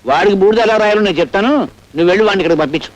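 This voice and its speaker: A man's voice: high-pitched, racing, natural voice, rough recording. An actor playing a gullible police sub-inspector and father who fawns and blusters. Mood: angry. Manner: fawning then blustering. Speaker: film actor.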